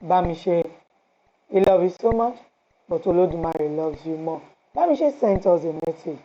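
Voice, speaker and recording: A woman's voice: lowish voice, lively intonation, normal speed, dark tone. A woman with a Nigerian accent giving an impassioned, pleading radio address with many repeated phrases. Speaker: radio host. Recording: slightly dull audio with faint noise.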